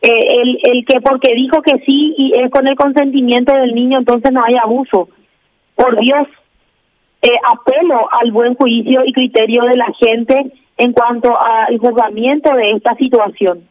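A woman's voice: fairly high pitch, steady tone, a little slow. Woman senator on a crackly phone line. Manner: formal, emphatic and firm. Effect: crackly, breaking-up phone line. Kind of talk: remote interview guest.

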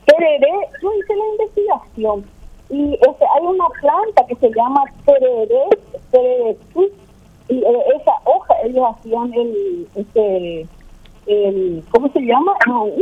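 A woman's voice: high voice, big pitch swings, measured pace, husky. An older woman, a gastronomy researcher and teacher, rambling and repeating herself in a casual phone interview. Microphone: telephone. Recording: tinny phone line.

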